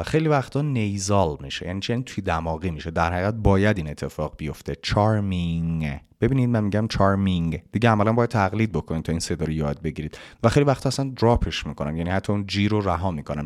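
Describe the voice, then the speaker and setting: A man from Iran, teaching an English pronunciation lesson and reading English phrases slowly and carefully. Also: sits low, expressive, darkish tone. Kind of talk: language lesson explaining pronunciation.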